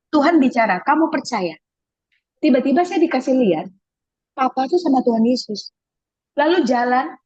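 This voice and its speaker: A middle-aged woman with a husky, fairly high voice gives a faith testimony, storytelling with swooping, animated pitch. The recording sounds dry and dull, with a slightly lo-fi edge. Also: dry recording. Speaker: guest giving testimony.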